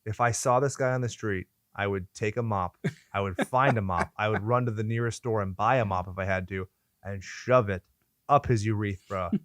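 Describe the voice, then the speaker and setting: A man's voice: fairly low pitch, moderate pace, a bit bright, dry recording, clean studio sound. A man hosting a podcast in casual chat, riffing in crude joking rants full of swearing. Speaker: podcast host.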